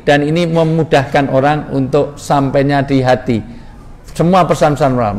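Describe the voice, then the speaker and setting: Man, preacher, interactive sermon, joking, directing audience, reverberant hall. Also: on the high side. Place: large mosque hall. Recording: reverberant hall with faint ambience.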